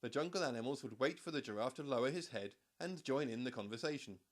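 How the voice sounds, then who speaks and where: This casting calls for a man narrating a children's audiobook. His voice is mid-pitched, and he tells the story in a measured yet expressive way.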